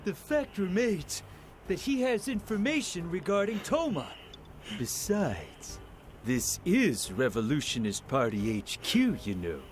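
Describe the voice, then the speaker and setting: A man's voice: high-pitched, sing-song, unhurried, soft background music. A greedy scheming rebel man. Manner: wheedling and theatrical. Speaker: game character.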